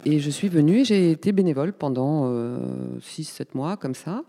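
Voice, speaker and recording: A woman in her fifties from Paris, talking as a guest in a casual radio interview, chatty and pausing often with fillers. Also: sits low, animated, mellow, big-room sound. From Paris, France. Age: 50s. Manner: chatty, hesitant with many fillers. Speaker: guest, community space coordinator.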